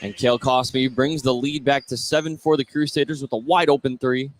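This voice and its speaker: Over the ambient noise of a basketball gym, a man calls the game live as its play-by-play announcer. His mid-range voice is steady in tone and moves fairly quickly.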